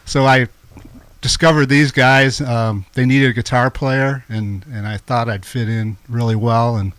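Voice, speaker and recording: A man's voice: medium pitch, steady tone, a little slow, fairly bright tone, clean tone, no room sound. A man who plays guitar in a band, answering in a casual interview in a modest, self-deprecating way.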